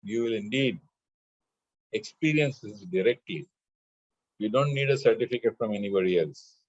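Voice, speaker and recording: A man teaching spiritual lessons in a measured way, chanting scripture verses between his explanations. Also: lowish voice, lively intonation, husky, dull audio. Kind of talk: spiritual discourse with scripture recitation.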